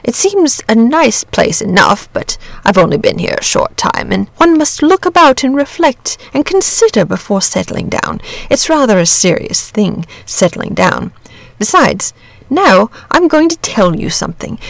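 A woman voicing a lazy, chatty, courteous male dragon who rambles in old-fashioned gentlemanly talk, in a storybook reading. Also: on the high side, creaky, dry recording, heavily acted.

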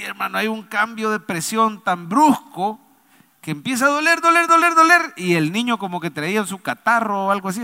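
High, bright-voiced male preacher in a hall. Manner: preaching, calls on the congregation to repeat; acts out voices in stories. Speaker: pastor. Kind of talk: sermon. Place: church.

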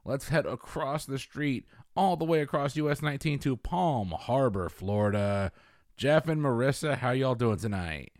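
A man's voice: mid-range voice, animated, normal speed, darkish tone, no echo, clean studio sound. A young adult man hosting a casual online show, upbeat and joking in easy conversation with friends. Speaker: host. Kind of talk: casual chat.

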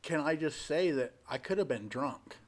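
A man in casual podcast chat, telling a story loudly with lots of swearing and laughter. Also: fairly high pitch, expressive, normal speed, a crowd in the background. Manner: profane, loud storytelling with laughter. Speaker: podcast co-host.

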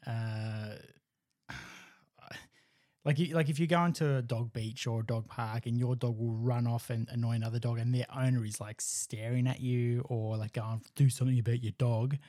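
A man's voice: medium pitch, steady tone, measured pace, warm tone, no echo, clean studio sound. A young man chatting casually as a podcast co-host, rambling with restarts. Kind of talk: casual chat.

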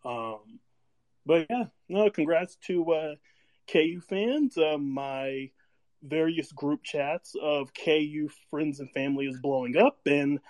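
A man's voice: a little high, slow, a little mellow, no echo. An American man giving casual, rambling sports analysis as a guest on a live audio chat.

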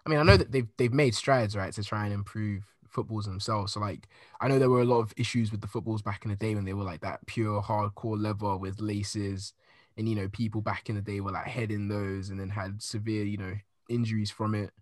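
A man's voice: lowish voice, steady tone, fairly quick, dry recording, studio quality. A man co-hosting a casual group podcast, making a point in a thoughtful, rambling way. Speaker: podcast co-host.

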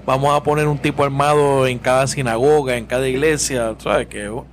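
A man's voice: medium pitch, steady tone, brisk, a little hiss or hum. A man hosting an interview podcast, speaking conversationally and adding short interjections. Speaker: podcast host.

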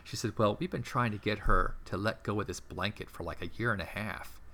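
A middle-aged man with a very low, gravelly voice that still has a bright, forward edge. He tells long stories in a casual interview, rambling and animated, full of restarts and fillers. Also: fairly quick. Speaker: interview guest, former theme park entertainment manager.

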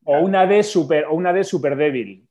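A man chatting casually on a podcast, telling anecdotes in a relaxed way. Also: a little high, a little fast, dull audio, a loud crowd. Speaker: podcast co-host. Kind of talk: casual chat, storytelling.

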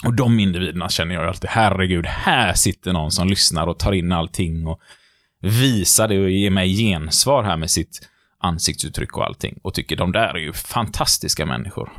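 Very deep-voiced man telling stories. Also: no room sound, studio quality. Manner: lively storyteller who acts out the quotes. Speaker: lecturer on behaviour and body language. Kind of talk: casual podcast chat, storytelling.

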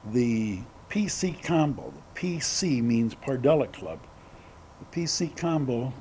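An older man giving unscripted spoken notes about an archival band recording, in a halting, deliberate way with long pauses, on a home cassette. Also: mid-range voice, mellow, a little hiss or hum.

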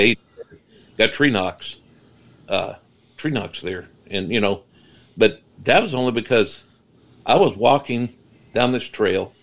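Gravelly-voiced man explaining at length. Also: lowish voice. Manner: halting, repeats words, then explains at length. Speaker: guest Bigfoot researcher. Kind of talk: casual podcast interview.

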